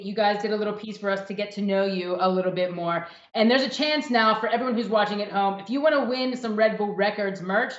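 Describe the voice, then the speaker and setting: Chatty woman hosting a livestream. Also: medium pitch. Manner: chatty, playful, fast asides. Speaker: festival livestream host. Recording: roomy, dull lo-fi sound.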